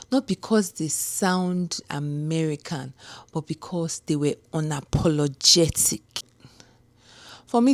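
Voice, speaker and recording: Earnest Nigerian woman, low voice. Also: a little mellow, no echo. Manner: earnest, emphatic, rhetorical. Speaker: vlogger. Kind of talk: motivational talk to camera.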